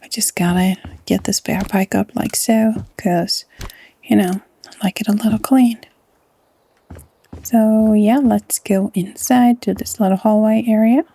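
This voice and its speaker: Soft-spoken Norwegian woman gaming. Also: medium pitch, steady tone, measured pace. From Norway. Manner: chatty, often drops to a soft half-whisper. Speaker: gaming channel host. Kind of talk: casual let's-play commentary.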